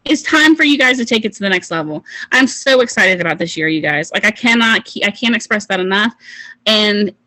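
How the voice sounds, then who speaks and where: A young woman leading a team call with a fired-up motivational pep talk, casual and excitable. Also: medium pitch, fairly quick, dry recording, low-quality recording. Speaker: team leader of a sales call.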